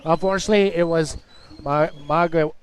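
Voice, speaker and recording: A man co-hosting an excited live surf broadcast, casual and exclamatory in his delivery. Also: a little high, brisk, clean tone. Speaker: live sports commentator and broadcast host.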